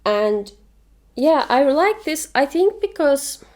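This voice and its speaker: A young Finnish woman, a native Finnish speaker, chats eagerly about books on her vlog, offering enthusiastic opinions in a casual review. Her high voice swings widely in pitch, moves slowly and has a darkish tone.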